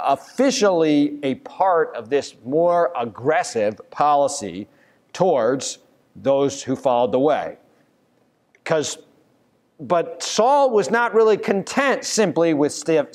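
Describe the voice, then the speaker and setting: A man's voice: a little high, a little mellow. A young adult man preaching a sermon as pastor from a church pulpit, telling the story earnestly with restarts and fillers. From United States. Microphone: pulpit mic from a far camera. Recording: long church reverb.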